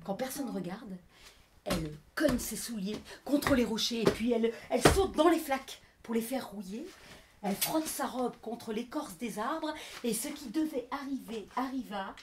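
A woman storyteller giving a theatrical performance, speaking expressively with dramatic pauses. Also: a little high, lively intonation, over loud music.

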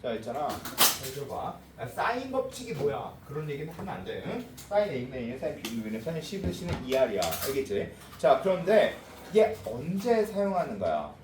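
Speaking in a sing-song way at normal speed, a man with a medium pitch teaches math to a class. His style is blunt and informal and he keeps confirming the students got it, heard from a distance in an echoey room with faint noise.

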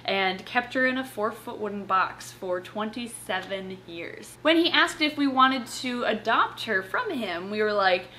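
Sitting on a couch at home, a young adult woman presents her reptile channel in a chatty, playful, expressive manner, mixing casual talk with read-aloud passages. She speaks at a medium pitch and measured pace with few pauses, and background room noise comes through clearly.

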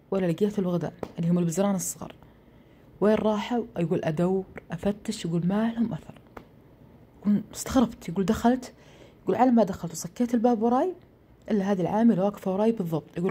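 A woman's voice: mid-range voice, warm tone, slightly rough. A woman retelling a horror story, constantly repeating that he says it. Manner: breathless, repetitive retelling that keeps repeating "he says".

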